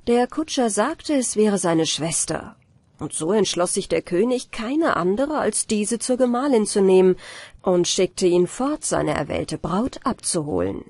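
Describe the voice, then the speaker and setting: A woman narrating a fairy tale as an audiobook for falling asleep, in a calm, measured storytelling manner. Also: mid-range voice, slightly rough, no room sound. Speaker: audiobook reader.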